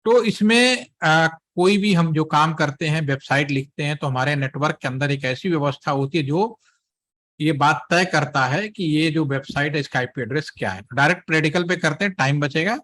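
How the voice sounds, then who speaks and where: A man's voice: on the high side, moderate pace, a bit bright. Man teaching networking step by step. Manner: explains step by step, checks in often with "theek hai". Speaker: instructor. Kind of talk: technical lecture for trainees.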